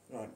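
A man keeping reptiles, chatting casually to viewers while gently coaxing and handling a snake indoors. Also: roomy sound, a little hiss or hum. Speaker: reptile keeper vlogger. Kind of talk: casual vlog. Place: indoor room.

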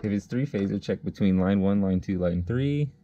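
A deep-voiced man talks at a moderate pace, the recording missing its highs and carrying background noise. As an HVAC technician instructor at a workshop bench with a test board, he demonstrates troubleshooting casually, step by step, voicing his thoughts while testing a circuit.

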